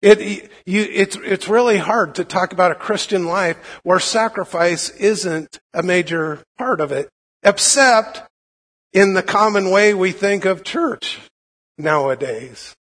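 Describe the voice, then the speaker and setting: A man with a fairly high, gravelly voice, hoarse as if under the weather, preaches a sermon. He speaks informally and haltingly, doubling back on his words. The sound carries a long hall reverb. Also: fairly bright tone. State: hoarse from being unwell. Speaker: pastor preaching to a congregation.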